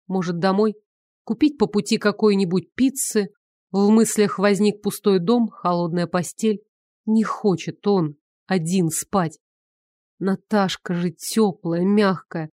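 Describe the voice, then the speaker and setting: A woman reads a contemporary novel aloud in a calm, measured way. Her voice sits in a mid pitch and is captured close on a studio mic, dry with no echo. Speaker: audiobook reader. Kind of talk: scripted narration.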